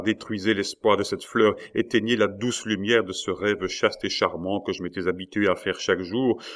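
A lovesick young prisoner pours out poetic, impassioned speeches, voiced by a man reading aloud. The voice is low and stays close to the reader's own. The delivery is lyrical and earnest. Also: lightly acted. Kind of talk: audiobook reading.

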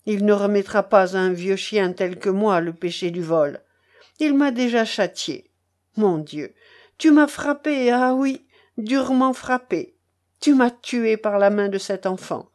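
A woman voicing a bitter, dying old grandfather with a hoarse, choked voice and anguished outbursts. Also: mid-range voice, measured pace, a little mellow, natural voice. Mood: despairing. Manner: anguished outbursts, pleading to God.

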